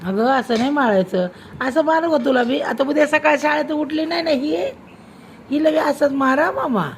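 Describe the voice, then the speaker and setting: High gravelly woman, teasing. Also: normal speed, slight background noise. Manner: teasing, scolding questions. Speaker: mother filming a home vlog. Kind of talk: casual home video chat.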